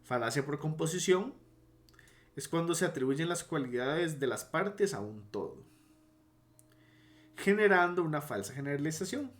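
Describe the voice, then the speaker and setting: A man's voice: on the high side, animated, moderate pace, pauses often, a bit bright. A man teaching logic in a casual online lecture, explaining step by step and stopping to restate and correct himself.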